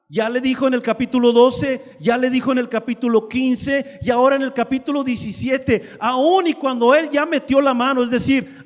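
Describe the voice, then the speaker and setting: A man preaching a sermon, swinging between loud emphatic lines and soft asides. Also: very high voice, long reverb tail. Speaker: pastor.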